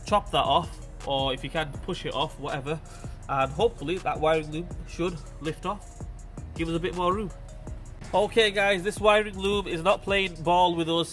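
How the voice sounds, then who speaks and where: Working on a car, a blocked-nosed mechanic keeps up casual, chatty how-to commentary for a repair video, addressing viewers as "guys." His voice is a little high with a fairly bright tone, captured on a phone held near the engine.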